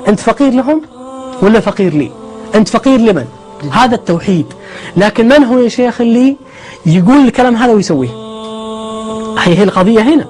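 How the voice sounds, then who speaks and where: A man's voice: extremely high pitch, animated, fast, long pauses, a little mellow, faint music behind. A man giving a sermon, telling the stories with animation and asking rhetorical questions. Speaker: preacher. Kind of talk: sermon-style lecture.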